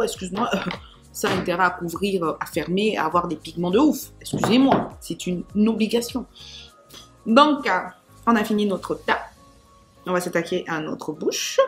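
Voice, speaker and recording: A woman talking her viewers through her makeup in a casual, teasing way, joking about herself as she goes. Her pitch sits in the middle, and faint music plays behind her. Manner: playful, self-mocking, chatty asides to viewers. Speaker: makeup vlogger.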